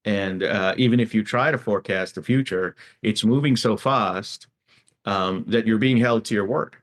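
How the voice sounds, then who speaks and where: A middle-aged man from Guyana, a tech futurist guest in an interview, talking in a relaxed way with many fillers. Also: on the low side, moderate pace. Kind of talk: conversational interview.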